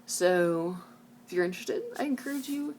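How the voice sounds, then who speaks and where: A woman vlogger with a fairly low, slightly mellow voice speaks animatedly at a moderate pace, earnest and reflective as if sharing thoughts from a book. She reads book passages aloud and talks informally, with noticeable background noise in the recording.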